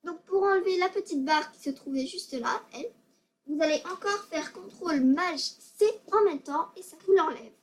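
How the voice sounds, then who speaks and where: High-voiced hesitant young-sounding female gamer. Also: normal speed. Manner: hesitant, stammers and repeats words; self-conscious and giggly. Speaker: gaming video maker. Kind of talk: casual game tutorial commentary.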